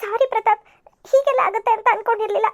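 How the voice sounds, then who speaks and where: A lovesick, stubborn young cartoon woman, as a woman puts her on. She pleads and sulks, her voice squeaky-high and rushed. Tearful insistence runs through her lines. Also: fairly even intonation. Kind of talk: amateur cartoon voice acting.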